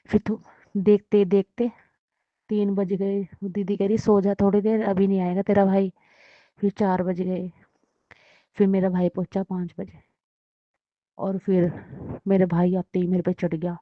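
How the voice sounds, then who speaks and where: Woman, personal testimony, flat delivery, dull lo-fi sound. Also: medium pitch, unhurried, pauses often, dry recording. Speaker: devotee sharing a testimony.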